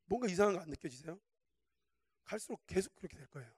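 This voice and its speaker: High-voiced fervent Korean preacher. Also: male voice, animated, fast, husky, no room sound. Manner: swings from hushed asides to fervent shouting; colloquial, chatty preaching with rhetorical questions. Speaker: guest preacher. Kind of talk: sermon.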